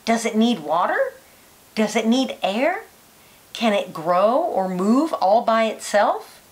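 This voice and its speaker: Sounding on the high side and very animated, a woman reads aloud from an educational picture book for kids, phrasing things carefully and deliberately in a teacherly way.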